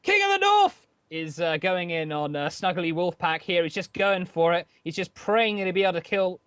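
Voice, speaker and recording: A man casting a live online game, often hesitating and restarting, getting excited at the action. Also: high-pitched, moderate pace, smooth, dry recording. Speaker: esports caster.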